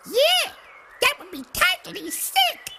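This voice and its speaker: Squeaky bright cheeky girl, a woman voicing her, kinda gravelly, mouthy. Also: big pitch swings, slow, very noisy, heavily acted. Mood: casual. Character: cheeky young girl in a hoodie, mouthy and blunt. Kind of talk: puppet film comedy.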